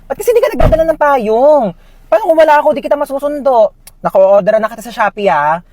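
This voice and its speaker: A woman's voice: high-pitched, animated, fast, mellow, no room sound. A woman playing a bossy but caring older sister who scolds and teases. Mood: fussing. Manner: teasing, scolding.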